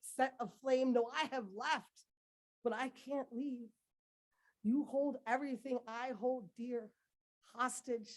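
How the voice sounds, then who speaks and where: A woman performing a spoken-word poem at a ceremony, with an intense, measured delivery. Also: on the high side. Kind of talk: spoken-word poetry recital. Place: dedication ceremony, indoors.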